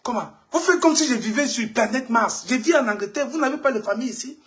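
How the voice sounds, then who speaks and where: A woman, giving a heated, impassioned live video rant as a political activist, shouting at times and switching into English. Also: on the high side, lively intonation, fast talker.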